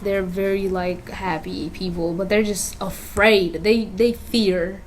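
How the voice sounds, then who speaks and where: A woman's voice: medium pitch, steady tone, takes it slowly, a little hiss or hum. A young woman from Kenya, talking earnestly and reflectively in a casual interview at a community center. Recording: music playing under the voice.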